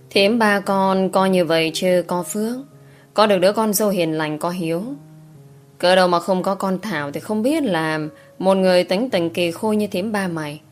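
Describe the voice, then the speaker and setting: A woman's voice: lowish voice, natural voice. A woman voicing a stern middle-aged countryside mother who scolds her daughter firmly. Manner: firm, scolding.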